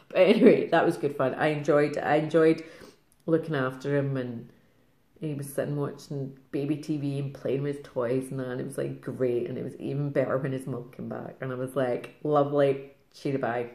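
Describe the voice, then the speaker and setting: A middle-aged Scottish woman chatting casually to camera in a fast, rambling way, laughing often. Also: very deep voice, steady tone, creaky, a little mellow. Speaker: craft vlogger. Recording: roomy echo.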